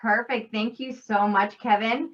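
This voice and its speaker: A woman's voice: fairly high pitch, steady tone, measured pace, recorded from a distance, highs cut off. A woman hosting a virtual event, chatty and upbeat on a video call. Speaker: event host. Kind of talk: casual chat.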